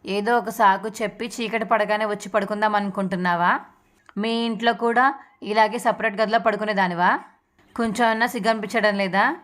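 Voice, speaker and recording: A domineering middle-aged mother-in-law lashing out with contempt, read aloud by a woman. She is bossy and scornful, with a mid-pitched voice. It is a recap storytelling read. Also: steady tone, brisk, a bit bright, close to an everyday voice. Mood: scolding. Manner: scolding, contemptuous.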